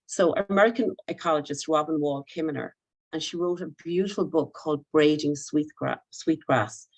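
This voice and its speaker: A woman with an Irish accent, a psychologist giving a gentle, reflective talk over a video call, often pausing with ums and correcting herself. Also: deep voice, breathy edge, poor audio. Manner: gentle, hesitant, many ums and self-corrections.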